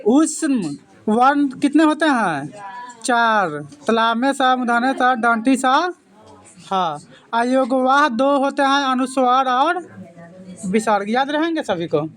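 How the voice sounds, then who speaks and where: A male teacher leads an exam-prep grammar lesson, quizzing listeners with repeated questions and then answering them himself in a repetitive, drilling delivery. His voice is very high-pitched with a fairly bright tone.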